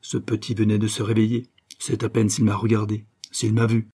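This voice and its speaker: A man voicing an earnest young avenger and devoted son, grave and measured. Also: on the low side, flat delivery, dark tone, breathy edge. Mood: calm. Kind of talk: audiobook reading.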